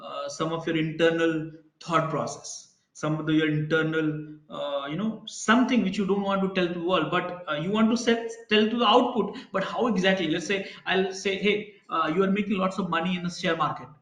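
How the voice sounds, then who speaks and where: Male instructor, slightly high voice, echoey room, explains with simple examples and quizzes students. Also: moderate pace, few pauses, a bit bright. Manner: explains with everyday examples, asks students questions. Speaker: programming instructor. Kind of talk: live online class lecture.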